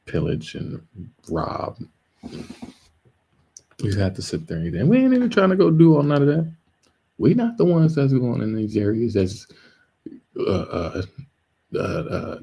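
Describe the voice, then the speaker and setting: A man hosts a livestream with casual commentary, talking in a loose, rambling, joking way that often breaks into laughter. His voice is low, creaky, dark, and slightly rough, and the audio quality is poor.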